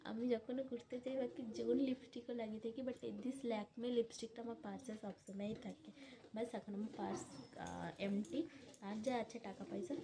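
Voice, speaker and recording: A woman's voice: on the high side, fairly even intonation, a little fast, crowd noise. A young Indian woman, a native Bengali speaker with a stuffy cold and sore throat, chats casually for a home vlog and mixes in English words. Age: young adult. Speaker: vlogger. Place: small room at home, indoors. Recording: clearly noisy home recording with clicks.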